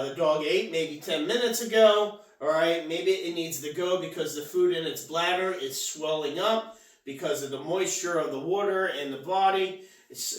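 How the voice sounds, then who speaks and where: A man's voice: fairly high pitch, a bit bright. Man dog trainer in an echoey room. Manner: repeats "all right?" as a check-in, restarts words. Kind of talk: casual instructional talk. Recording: echoey room, mic off at a distance.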